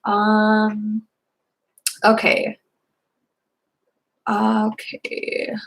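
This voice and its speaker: A young woman answers viewer questions in a casual live Q&A from home, her middle-range voice slightly hoarse and monotone. She rambles, restarts, and drags out words, filling pauses with "um" and "like" in a chatty way.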